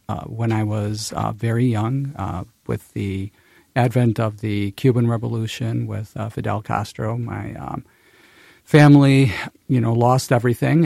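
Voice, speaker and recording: Man in his 50s, radio guest, heavy vocal fry, dry close sound, halting with fillers. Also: on the low side, warm tone, no room sound. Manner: hesitant, many ums and uhs. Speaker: school superintendent.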